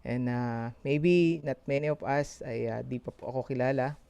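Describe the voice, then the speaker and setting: Gravelly Filipino man, slightly slurred after tooth extraction. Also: medium pitch, dark tone. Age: middle-aged. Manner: halting, hesitant. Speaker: church member giving a short sermon. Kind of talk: informal sermon in mixed Tagalog and English.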